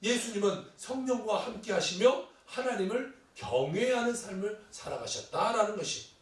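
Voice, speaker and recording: A man preaching a sermon as pastor, telling a story with lively acted-out quotes in a church sanctuary. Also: sits high, normal speed. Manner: animated storytelling, acting out quoted voices. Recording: echoey hall, distant mic.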